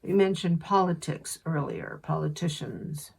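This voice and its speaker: Woman, channeler, husky, slow measured delivery, distant mic. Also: deep voice, a little mellow.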